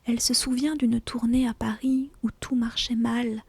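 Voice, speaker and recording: A woman reading literary fiction as an ASMR audiobook in a hushed, breathy, deliberate whisper, close to the mic. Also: fairly high pitch, flat delivery, no room sound. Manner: slow, hushed, deliberate storytelling. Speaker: audiobook reader.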